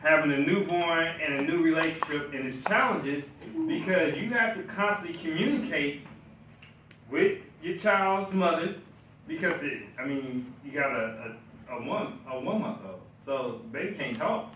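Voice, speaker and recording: A man's voice: a little high, normal speed, sharp tone, a little hiss or hum. A man in casual group banter, giving earnest advice with stammered restarts. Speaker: podcast co-host. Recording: echoey room, distant mic.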